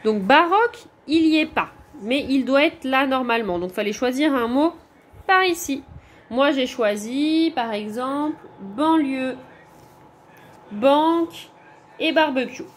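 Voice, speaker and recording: French woman, primary teacher; slow, patient, explains step by step, high voice. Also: animated. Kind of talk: recorded homework correction for pupils.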